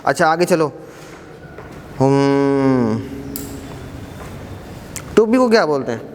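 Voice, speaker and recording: A man teaching an Arabic class, briskly quizzing students and encouraging them not to be shy. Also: medium pitch, sing-song, a little mellow. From Pakistan. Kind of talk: classroom quiz lesson. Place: mosque hall. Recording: echoey hall with background noise.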